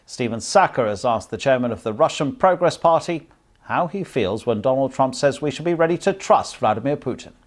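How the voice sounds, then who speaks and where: Mid-pitched male news presenter. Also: animated, brisk.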